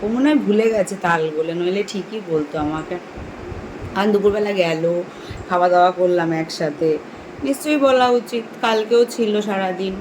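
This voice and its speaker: Fast-chatting young woman vlogger. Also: mid-range voice, background noise. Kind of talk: casual daily vlog talk.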